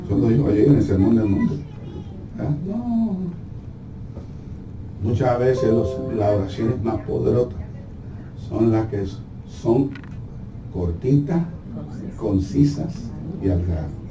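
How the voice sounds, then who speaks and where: A man's voice: mid-range voice, very animated, slow pace, pauses often, distant mic, music in the background. A man preaching a sermon as pastor, telling stories with humor and acting out voices. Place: church sanctuary. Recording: echoey hall from afar, faint noise.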